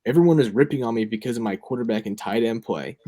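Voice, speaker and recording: With a mid-range, dark-toned voice and a quick pace, this young co-host talks through fantasy football in a loose, casual way, filling his musings with lots of fillers.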